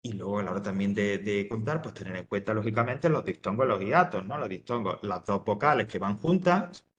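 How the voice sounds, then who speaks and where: A man's voice: on the low side, expressive, fairly quick, echoey room. A man teaching a lesson to students, explaining step by step, often checking in and restarting his sentences. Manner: explanatory, checks with "¿vale?", many fillers and restarts. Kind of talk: lecture to students.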